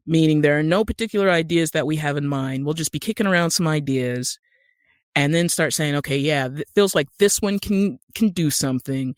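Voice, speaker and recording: A low-voiced American woman from Utah, a screenwriter and actor, appears as a podcast guest in a conversational interview. She explains things step by step, and the recording is very dry and close.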